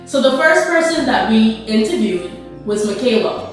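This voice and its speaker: A woman's voice: fairly high pitch, animated, normal speed. A woman hosting an interview podcast and asking plain, prepared questions. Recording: echoey room with faint music.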